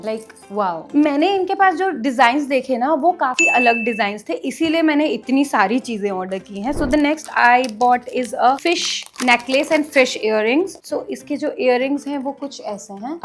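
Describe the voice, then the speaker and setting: Gushing young woman with an Indian accent. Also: a little high. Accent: Indian English. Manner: gushing, mixes Hindi and English. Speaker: vlogger. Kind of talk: casual haul video.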